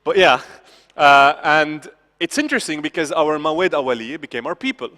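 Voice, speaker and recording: Speaking from a conference stage, a man from Lebanon delivers a chatty talk full of restarts and "okay?" asides. His voice runs on the high side, animated, pushed and bright, at a moderate pace, and the hall adds reverb.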